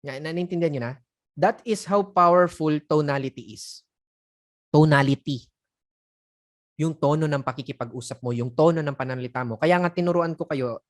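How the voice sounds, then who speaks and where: A sales coach gives a casual teaching talk to online sellers in a fairly high voice at normal speed. He keeps it conversational, chuckles a lot, and slips in acted-out example phrases.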